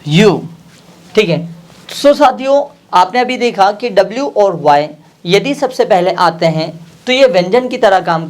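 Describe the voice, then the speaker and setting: Slow, patient male language teacher. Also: sits high. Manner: slow, patient, repeats each phrase and word several times; addresses listeners directly, asks and answers his own questions. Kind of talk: classroom language lesson.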